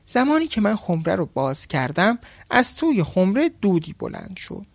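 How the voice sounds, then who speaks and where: A man's voice: high voice, very animated, gravelly, no echo, pitched above the performer's own voice, full character voice. A man doing a sly clever fisherman. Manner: sly and mocking.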